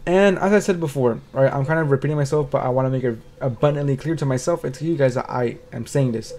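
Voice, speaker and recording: A man at an ordinary middle pitch talks through a video game in a loose, off-the-cuff way. He stammers over words as he thinks, swears casually, and keeps checking in with his listeners. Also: dark tone. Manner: rambling, stuttering restarts, casual swearing, frequent "right?". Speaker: game commentary creator. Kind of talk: casual gaming commentary.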